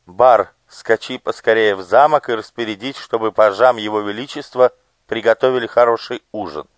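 A man's voice: fairly low pitch, fairly even intonation, moderate pace, no room sound, pitched above the performer's own voice, natural voice. A man voicing a gracious but cruel noble lady who talks in a coaxing singsong.

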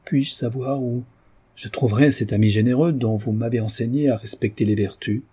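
A man's voice: medium pitch, steady tone, normal speed, warm tone, breathy edge, natural voice. A man voicing an earnest young nobleman in love, pleading, in an audiobook reading.

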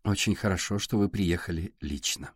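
A man voicing a calm, gentle young woman tutor in an audiobook, speaking softly and evenly. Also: sits low, slightly rough, no echo, clean studio sound. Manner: soft, hushed and measured. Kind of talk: audiobook character reading.

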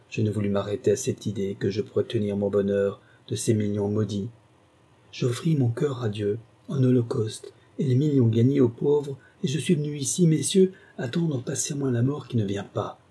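A man's voice: medium pitch, breathy edge, close to an everyday voice. A man voicing a tormented old gambler who believes he sold his soul, speaking with impassioned, feverish intensity in an audiobook reading. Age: older. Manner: impassioned, swings from grave confession to raging shouts.

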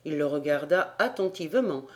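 A woman narrating an audiobook in a steady storytelling manner. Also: sits low, moderate pace. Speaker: audiobook reader.

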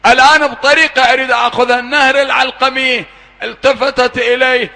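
A man's voice: very high-pitched, level tone, brisk, vocal fry, pushed and bright. A man giving a mournful sermon, reciting an elegy with impassioned, wailing cries. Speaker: Shia eulogy reciter. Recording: long hall reverb.

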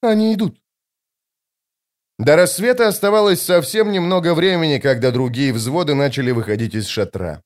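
A man's voice: a little high, fairly quick, hardly any pauses. A man narrating a fantasy audiobook expressively, giving the characters their own voices.

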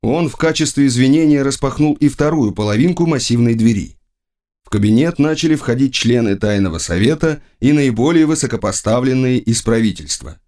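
A man narrating an audiobook in a measured, dry storytelling manner. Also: mid-range voice, lively intonation, darkish tone. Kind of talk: scripted narration.

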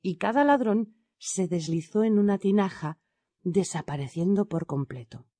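A woman reads a storybook tale aloud in a steady, measured way. Her pitch sits in the middle range. The recording is dry and close, with no room sound. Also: no echo. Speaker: narrator. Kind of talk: scripted storybook narration.

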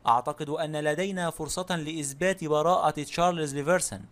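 A man's voice: a little high, fairly even intonation, fast, a bit bright, lightly acted. A man reading the lines of a proud, grave little male detective in an audiobook, in a dry, self-assured manner.

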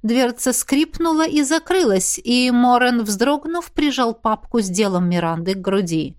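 A woman reading a fantasy novel aloud as narrator with steady, expressive storytelling. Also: on the high side, measured pace. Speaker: audiobook narrator. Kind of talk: scripted narration.

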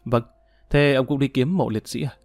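A man reading a blunt, low-key former soldier. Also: fairly even intonation, moderate pace, dry recording, faint music behind, close to an everyday voice.

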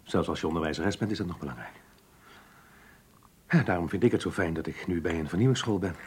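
In a Dutch radio play, a man acts the part of a kindly, fatherly older schoolteacher, genial, measured, encouraging and a little hesitant. His low voice is animated, quick, a little mellow, slightly rough and heavily acted. The old recording is noisy.

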